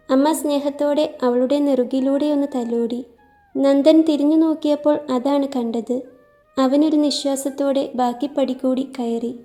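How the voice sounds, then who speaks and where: High, mellow woman storyteller. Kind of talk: scripted romance narration.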